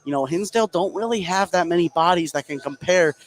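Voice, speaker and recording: Calling basketball live from courtside in an indoor gym, this radio announcer has a high voice and a quick pace. The background noise of the gymnasium comes through clearly.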